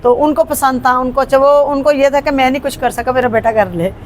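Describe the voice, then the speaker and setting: Interview guest: Punjabi-accented woman, unhurried and hesitant, recorded outdoors with faint street noise. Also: high voice, fairly even intonation. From Pakistan. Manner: hesitant, with frequent fillers and restarts. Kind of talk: casual conversational interview.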